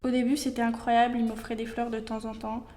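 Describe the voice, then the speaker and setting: A woman playing a young wife in her twenties, telling her story quietly. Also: on the high side, flat delivery, brisk, roomy sound, slight background noise, lightly acted. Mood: subdued. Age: 20s.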